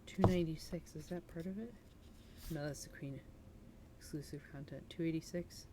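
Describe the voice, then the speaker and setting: A low-voiced woman talking at a normal speed hosts a livestream where she reads stories aloud and casually chats with viewers. Background noise can be heard.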